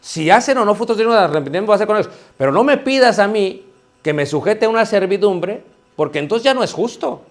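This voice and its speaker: A man's voice: high voice, lively intonation, fast. A man preaching a sermon in a conversational way, firing rhetorical questions at the congregation and calling them brothers. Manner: repeatedly addresses listeners as brothers.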